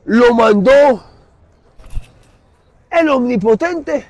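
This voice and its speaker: A middle-aged man with a Colombian Spanish accent delivers an impassioned street sermon in an outdoor plaza. His voice sits high and a little husky. He talks with lively, swinging intonation, going from loud to soft. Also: extremely slow. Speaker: street preacher. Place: outdoor city plaza under trees.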